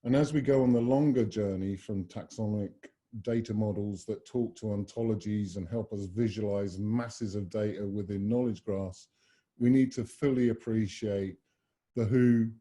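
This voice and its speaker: A man presents a business webinar, his voice low and deeply mellow. He talks emphatically and paints ideas with vivid metaphors. He is heard over a video call microphone. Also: a little slow. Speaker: webinar host and consultant.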